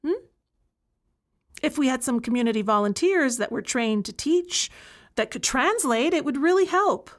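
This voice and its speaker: With a high, lively voice at a moderate pace, an actress portrays a jailed woman who teaches other inmates. Her monologue for the audio play is candid and sincere, rising to an appeal for change.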